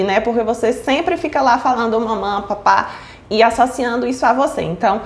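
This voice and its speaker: A woman's voice: on the high side, echoey room. A woman giving an explanatory online lesson on child speech development, often checking in with her listeners as she goes. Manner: frequent checking fillers like "certo?" and "tá?".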